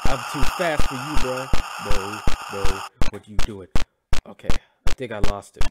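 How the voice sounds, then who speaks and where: Panicky male horror game streamer, noisy recording. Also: fairly low pitch. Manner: panicky, slangy, repeats phrases rapidly. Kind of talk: scared horror game commentary. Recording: noisy gameplay recording with clicks.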